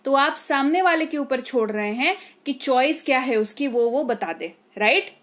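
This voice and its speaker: A woman's voice: sits high, lively intonation, moderate pace. A woman teaching a language lesson, spelling words out letter by letter and often checking "okay?" with her students. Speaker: English teacher.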